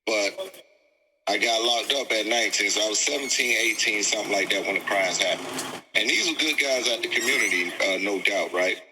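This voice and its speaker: Man in his forties, low voice, bright tense tone, long reverb. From Miami, Florida. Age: 40s. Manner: measured, halting, searches for words. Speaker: interview guest, incarcerated man. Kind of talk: conversational interview.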